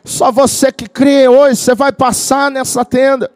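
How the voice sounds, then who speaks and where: A man preaching a sermon as pastor, moving between intimate storytelling and loud shouted declarations. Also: very high-pitched, little pitch movement, a little slow, no room sound, studio quality. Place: church tent.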